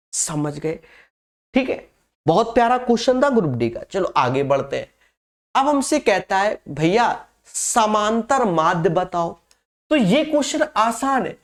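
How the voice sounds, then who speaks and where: A man teaching a maths lesson for exam prep with a nasal voice from a cold, chatty, and calling his students his friends. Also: high-pitched. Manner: chatty, calls students "my friend", slips into English phrases. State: has a cold and fever.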